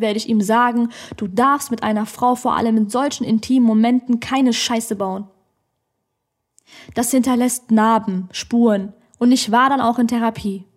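A woman comedian telling a personal story on a podcast in a studio, blunt and outspoken. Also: on the high side.

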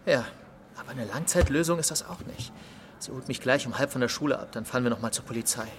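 A man's voice: medium pitch, quick pace, noisy background, close to an everyday voice. A young man playing a casual, hesitant, slightly clueless schoolboy in naturalistic drama dialogue. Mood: resigned.

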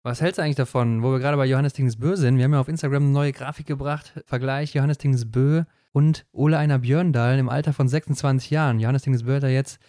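A man's voice: mid-range voice, fairly even intonation, fast talker, hardly any pauses, mellow, no room sound, clean studio sound. A man co-hosting a casual sports podcast, chatty, often tagging sentences with 'ne?', from the western German border region. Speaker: podcast co-host.

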